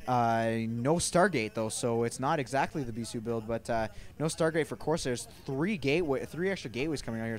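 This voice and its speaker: A man casting a strategy game match in a loose, chatty play-by-play style, with frequent filler words and bursts of excitement. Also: mid-range voice. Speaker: esports caster. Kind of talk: casual play-by-play commentary.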